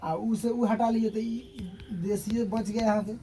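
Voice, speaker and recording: Guy teaching a class, high voice, keeps repeating and asking if they got it, bit of street noise. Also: steady tone, a little slow, vocal fry, warm tone, rough recording. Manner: repetitive step-by-step explaining, often checks understanding. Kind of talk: classroom grammar lecture. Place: coaching classroom with students.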